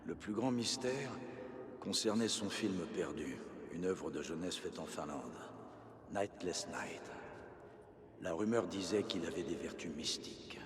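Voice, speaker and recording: A spooky legend narrator in a game, deep voice, long reverb, loud ambience behind. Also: male voice, unhurried, noisy background. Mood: ominous. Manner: dramatic storytelling, drops to whispers.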